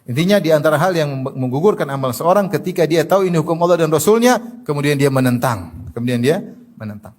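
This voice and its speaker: A man preaching a sermon, reciting Arabic verses and mocking the views he argues against in an animated way. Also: a little high, quick pace. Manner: animated, mocking imitations of opponents.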